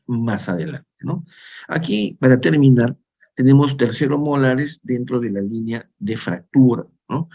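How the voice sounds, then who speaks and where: A man in his fifties from Peru lectures on dentistry in a relaxed, conversational manner. His voice has a gravelly edge, and he keeps checking in with his listeners as he explains each point. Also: mid-range voice. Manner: conversational, frequent tag questions, restarts. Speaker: dental lecturer. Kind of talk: lecture with slides.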